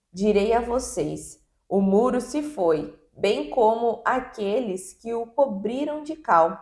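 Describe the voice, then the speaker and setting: A woman with a Brazilian Portuguese accent, hosting a podcast and reading scripture aloud in a measured, deliberate way. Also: a little high, darkish tone. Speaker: podcast host and Bible reader. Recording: roomy, echoey sound.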